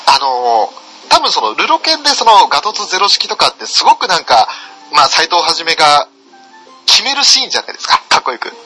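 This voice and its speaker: Casual chat from a guy with a super bright, sharp voice, jumping up and down in pitch, reads listener mail and teases his cohost. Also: huge pitch swings, fairly quick, slightly rough, faint music behind, rough recording. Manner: bright, laughing, teasing. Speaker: podcast host reading listener mail.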